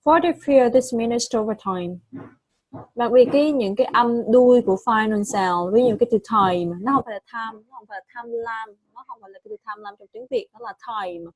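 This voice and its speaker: A woman's voice: a little high, darkish tone, no room sound. Patient Vietnamese woman teaching pronunciation. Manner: patient, repeats and corrects, models English words slowly. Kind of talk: online pronunciation lesson.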